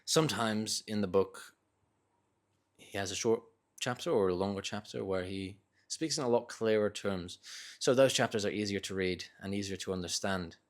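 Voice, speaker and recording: Speaking at a moderate pace, a vlogger with a low voice and a Northern English accent carrying a faint Dutch influence talks through his reading thoughts off the cuff. The casual monologue comes out hesitant and reflective, full of little self-corrections while he finds the right phrasing.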